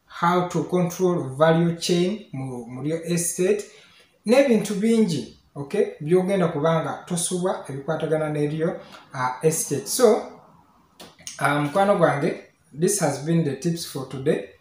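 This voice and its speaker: Speaking a bit slowly in a slightly high, darkish voice, this Ugandan-accented man in his thirties explains property matters informally, switching between two languages and dropping in quick check-in questions. The echo comes from the small, hard-walled indoor office he's in.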